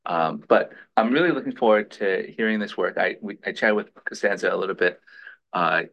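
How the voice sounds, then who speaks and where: A man with a lowish voice runs a lab meeting and introduces a guest. He talks informally and haltingly, full of restarts and fillers. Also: dull audio.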